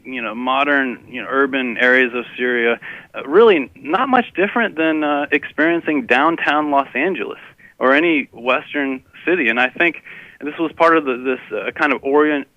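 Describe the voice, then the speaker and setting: A man's voice: mid-range voice, normal speed, no room sound. A man from Texas, a guest on a radio interview, who talks in a hesitant way, full of ums and uhs. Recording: dull lo-fi radio audio.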